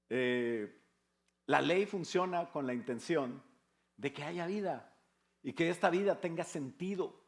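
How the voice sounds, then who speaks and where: In a church, an older pastor with a Mexican Spanish accent delivers a chatty sermon full of jokes and rhetorical questions. He speaks on the high side with noticeable vocal fry.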